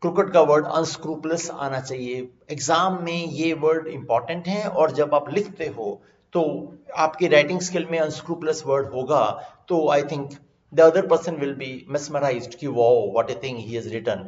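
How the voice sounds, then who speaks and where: A man with an Indian accent teaching vocabulary over slides, mixing Hindi and English and slowly repeating his explanations. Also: a little high. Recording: echoey, slightly dull recording.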